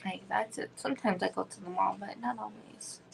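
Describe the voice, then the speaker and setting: Gravelly-voiced woman chatting on a livestream. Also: mid-range voice, fairly even intonation, brisk, slight background noise, poor audio. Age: 30s. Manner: rambling, frequent "like" fillers, drops into whispers. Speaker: livestream host. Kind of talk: casual chat.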